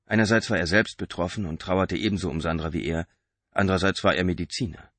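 Deep-voiced man reading a thriller. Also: fairly even intonation, quick pace, fairly bright tone, no room sound. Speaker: audiobook narrator. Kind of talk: scripted narration.

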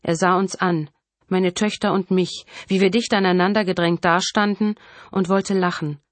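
A woman reading a first-person thriller audiobook in a measured, dramatic narrating manner. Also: on the low side, fairly even intonation, no room sound.

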